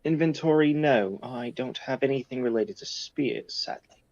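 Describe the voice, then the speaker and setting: A man's voice: medium pitch, moderate pace, a little mellow, highs cut off. A man playing a merchant in a casual tabletop role-play, with polite, hesitant sales patter. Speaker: player voicing a merchant character in a tabletop game.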